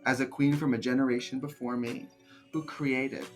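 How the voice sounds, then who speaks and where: A man's voice: mid-range voice, level tone, moderate pace, soft background music. A man hosting a casual chat as a drag queen, joking in a dry, teasing way. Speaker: host.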